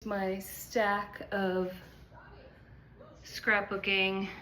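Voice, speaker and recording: A woman's voice: mid-range voice, monotone, very slow, pushed and bright. A woman hosting her craft room vlog, talking in a chatty, upbeat way. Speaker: craft channel host. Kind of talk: casual vlog talk.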